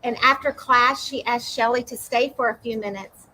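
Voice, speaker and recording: A woman reading a children's book aloud with clear, warm storytelling. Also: a little high, fairly even intonation, normal speed, a little hiss or hum, low-quality recording. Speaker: reader.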